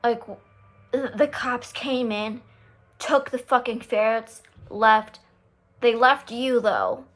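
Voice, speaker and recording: A young adult woman telling a story in a casual vlog, animated and swearing freely as she acts out what people said. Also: a little high, takes it slowly. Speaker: vlogger.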